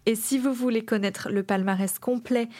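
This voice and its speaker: High-voiced woman hosting a podcast. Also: steady tone, normal speed, a little mellow. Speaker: podcast host and journalist. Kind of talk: scripted podcast narration.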